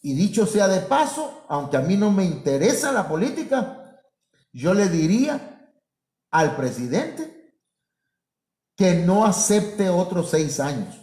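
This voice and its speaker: A man's voice: high voice, sing-song, slow, pauses often, warm tone, roomy sound. A man, a pastor, preaching a sermon full of rhetorical questions and acted-out quotes.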